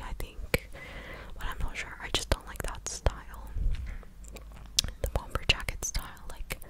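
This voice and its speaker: A woman in her twenties chatting casually in a breathy, close-up ASMR whisper, right up at the microphone as if into the listener's ear. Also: rough recording. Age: 20s. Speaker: ASMR content creator. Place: living room indoors. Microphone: large USB microphone very close to the mouth.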